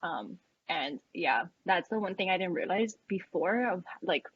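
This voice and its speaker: A woman's voice: on the low side, animated, a little slow, dull audio, slight background noise. A young woman from Miami, a graduate student, interviewing a peer in friendly, chatty talk. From Miami, Florida. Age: young adult. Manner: friendly, chatty, laughs often. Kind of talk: casual conversational interview.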